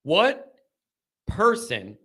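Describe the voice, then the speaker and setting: A young man hosting a live sports call-in stream, ranting casually with animated, exasperated mock outrage. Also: sits high, very slow, breathy edge. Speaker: host of a sports call-in show.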